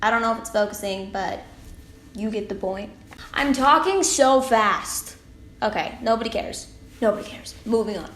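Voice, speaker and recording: A woman's voice: medium pitch, level tone, fairly quick. Chatty teenage girl in an echoey room. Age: late teens. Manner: chatty, rambling, upbeat. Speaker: vlogger. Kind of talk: casual talk to camera. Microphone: camera mic. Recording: echoey room, faint background noise.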